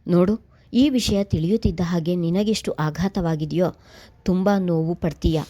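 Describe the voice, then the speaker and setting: A woman voicing an earnest young man who gently reassures his mother in a storybook reading. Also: lowish voice, moderate pace, natural voice. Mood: reassuring.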